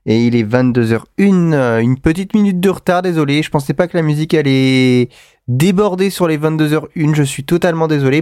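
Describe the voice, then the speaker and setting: Brief: male radio host, a little higher than most men, chatty and rambling, bone-dry close sound. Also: a little mellow, no echo. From France. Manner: chatty and self-mocking, rambling with many fillers. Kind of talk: casual live radio monologue.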